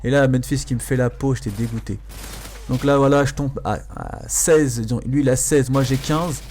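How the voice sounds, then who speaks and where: A man's voice: mid-range voice, fairly even intonation, normal speed, darkish tone. A man giving casual, amused gameplay commentary as a video host, hesitating and repeating phrases for emphasis. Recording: faint noise, game sounds behind.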